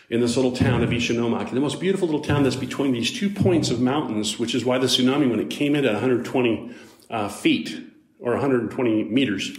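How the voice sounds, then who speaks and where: A man giving a live storytelling talk to young people, conversational and animated, with sudden jumps up in pitch and loudness. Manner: conversational, with asides to the audience. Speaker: motivational speaker. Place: large hall with a live audience. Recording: roomy live hall sound.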